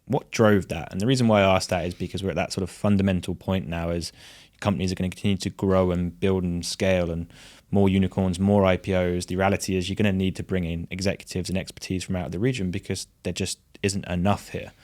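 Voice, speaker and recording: A man's voice: low-pitched, flat delivery, fast, darkish tone. A man hosting a podcast, asking long, rambling multi-part questions in a casual way. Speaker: podcast host.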